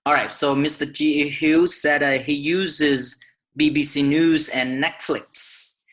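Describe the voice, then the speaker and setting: A man hosts a teachers' webinar from his computer mic. His voice is bright and forward, and he talks hesitantly, with many fillers and restarts. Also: on the high side, little pitch movement, slow pace, poor audio. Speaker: webinar host. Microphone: computer mic on a video call.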